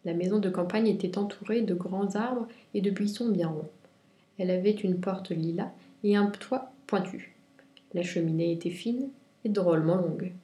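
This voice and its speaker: Woman reading a picture book aloud, mellow. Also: mid-range voice, moderate pace. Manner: clear, expressive storytelling. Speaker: book reviewer and reader. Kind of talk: children's book review and read-aloud. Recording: roomy echo.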